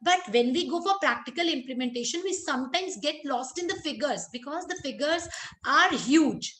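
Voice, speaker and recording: High-pitched North Indian woman lecturing, roomy echo. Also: expressive, moderate pace, fairly bright tone. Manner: interactive, addresses listeners directly, mixes Hindi into English. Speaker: lecturer, chartered accountant. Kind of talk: webinar lecture to professionals. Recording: roomy echo, clear background noise.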